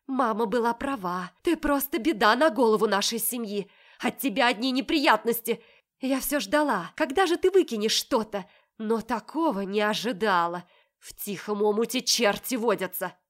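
A woman voicing a furious young woman, a betrayed bride-to-be, who shouts accusations at her sister in an audiobook story. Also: a little high, expressive, moderate pace, voice pushed up, close to an everyday voice.

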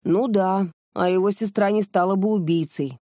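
A woman's voice: mid-range voice, normal speed, dark tone, no echo, studio quality, natural voice. A woman voicing a skeptical, thoughtful old grandfather in an audiobook.

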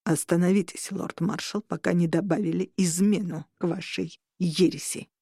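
A man's voice: high-pitched, fairly even intonation, moderate pace, vocal fry, mellow, no echo, clean studio sound. A woman voicing a stern male war priest who scolds the others. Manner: stern, indignant.

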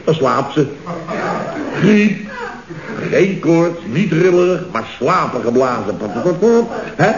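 A man's voice: a little high, sing-song, slow pace, a crowd in the background, full character voice. Jovial chatty boss guy, old radio comedy, muffled and echoey. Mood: jovial, rambling. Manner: rambling, jovial storytelling with many asides. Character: chatty boastful male construction firm boss. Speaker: boss of a contracting firm. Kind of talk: 1960s radio comedy acting. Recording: dull, roomy old radio recording.

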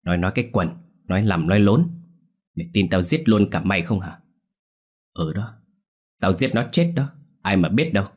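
A man's voice: low voice, animated, normal speed, pauses often, darkish tone. A man voicing a brutal middle-aged village man with a violent temper, snarling coarse threats.

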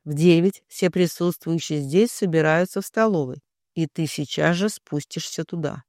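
A reader voicing a domineering young husband in a storybook reading, speaking gruffly and commandingly. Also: medium pitch, normal speed, a little mellow, dry recording, clean studio sound, lightly acted.

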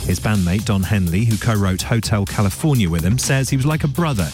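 A man's voice: lowish voice, brisk. A man reading a scripted radio news bulletin. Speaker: newsreader. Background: music.

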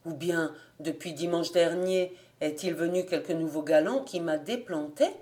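An earnest young peasant suitor from a storybook, read by a woman narrator. He speaks plainly, then turns shocked and reproachful. The voice sits low. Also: normal speed, darkish tone, lightly acted.

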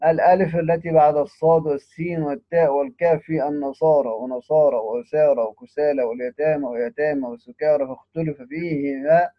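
A man reads a classical text at a brisk clip, stopping for short plain as he teaches. His voice sits somewhat high for a man. The recording is dull and lo-fi, with a dry, close sound. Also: fairly even intonation, dry recording. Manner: reads quoted text, then adds brief plain comments. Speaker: teacher of Quran readings. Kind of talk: reading and explaining a classical text.

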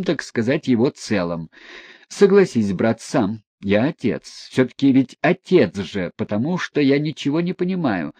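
A man's voice: medium pitch, a little mellow, husky, no room sound, voice pushed up. A male reader voicing an elderly general and father who stammers and repeats himself in agitation.

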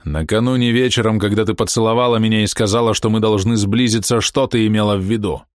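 A betrayed, heavyset husband, harsh and explosive, as a male narrator plays him. The voice is low and close, recorded dry. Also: steady tone, quick pace, dry recording, natural voice. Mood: despairing. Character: betrayed husband, big man, raging then broken. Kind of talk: audiobook character voice.

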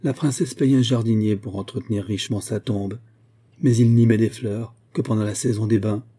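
Dark, husky male audiobook narrator. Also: fairly low pitch, steady tone. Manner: measured, literary.

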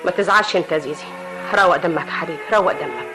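A woman playing a domineering middle-aged mother in a vintage radio drama, shrill and harsh toward her daughters. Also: very fast, over music, natural voice. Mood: doting.

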